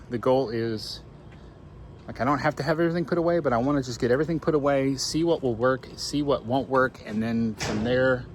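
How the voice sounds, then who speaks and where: A man with a mid-pitched voice chats informally, as if filming his own vlog. He thinks aloud and narrates chores as he goes. Faint ambient noise sits behind his voice. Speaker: RV living vlogger. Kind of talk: casual first-person vlog chat while doing chores.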